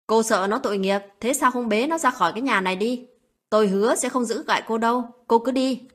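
A woman voicing a harsh older mother-in-law who yells cold insults at her daughter-in-law in a spoken story. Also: on the high side, fast talker, lightly acted. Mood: contemptuous. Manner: shouting, cold and abusive.

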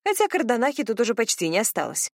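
Woman reading as a practical young friend, brisk and upbeat, higher voice, dry. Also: very animated, no echo. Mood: reassuring. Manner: brisk, reassuring.

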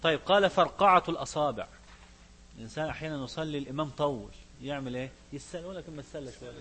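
A man's voice: a little high, rapid-fire, fairly bright tone, slightly rough. A man with an Egyptian accent teaching a religious lesson, shifting between classical recitation and colloquial asides and putting questions to his students. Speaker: sheikh teaching a fiqh book.

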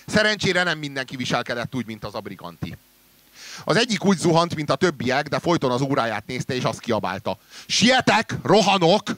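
A man's voice: very animated, no room sound. Man reading a story, dry sound. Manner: measured, dropping low and quiet at sentence ends. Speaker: reader. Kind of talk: literary reading aloud.

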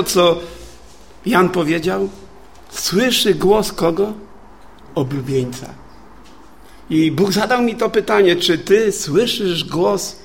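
A man preaching a sermon as a guest preacher. He reads scripture and then puts questions to the congregation, with calls of amen and hallelujah. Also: fairly high pitch.

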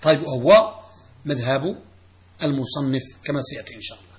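A man's voice: mid-range voice, quick pace. A middle-aged man teaching a classroom grammar lesson as a religious teacher, quizzing students and repeating key phrases.

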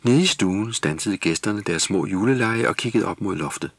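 A man narrating a Christmas children's story in steady, scripted storybook style. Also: lowish voice, no room sound.

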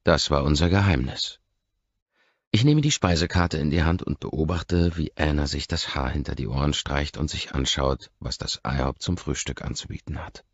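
Very deep, gravelly male narrator. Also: dry recording, muffled recording. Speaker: audiobook narrator. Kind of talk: first-person novel narration.

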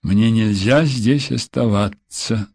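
A wounded fugitive hiding in a stranger's flat, as a man narrator reads him. He speaks quietly and gravely in a lowered voice, firm beneath the softness. An audiobook character. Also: measured pace, no echo, full character voice. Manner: soft, grave.

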